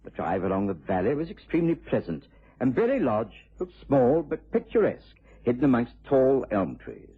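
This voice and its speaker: An actor playing an amiable, articulate British gentleman doctor, acting and narrating in a period radio drama. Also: mid-range voice, huge pitch swings, husky, heavily acted. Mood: reminiscing. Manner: measured, articulate, genteel. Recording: tinny vintage radio broadcast, faint music.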